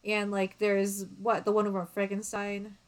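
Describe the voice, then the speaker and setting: A woman's voice: mid-range voice, monotone, moderate pace. Chatty, agreeable young woman co-host. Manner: chatty, agreeable, laughs often. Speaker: podcast co-host. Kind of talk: casual book-club chat. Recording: remote call audio.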